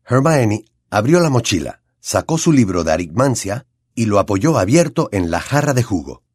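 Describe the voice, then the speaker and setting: With a Latin American Spanish accent, a male audiobook narrator tells the story expressively at a moderate pace. His mid-pitched voice carries a lively, swinging melody and a breathy edge. The recording is close and dry, without any room sound.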